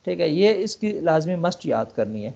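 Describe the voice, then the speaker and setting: A high-pitched man from Pakistan teaches an online Arabic class, his tone mellow and soft-edged. He walks through each point patiently and reads lines aloud slowly. The sound is muffled, like a dull call line. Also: big pitch swings, creaky. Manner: explains step by step, reads English lines aloud slowly, keeps checking with "okay?". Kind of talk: online language lesson.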